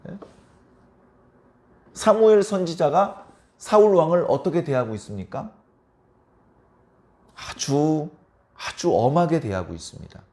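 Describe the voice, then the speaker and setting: Man, pastor, church sermon, lively swooping delivery, high voice. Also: measured pace, pauses often. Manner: animated preaching, often prompting the congregation for a response. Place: church service.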